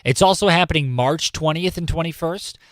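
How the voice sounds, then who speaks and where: A man's voice: on the high side, fairly quick, fairly bright tone, no room sound, studio quality. A man from California who hosts a morning radio news show, chatting casually and joking as he explains local news, often repeating points. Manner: chatty and jokey, explains things by repeating himself. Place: radio studio. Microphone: studio microphone.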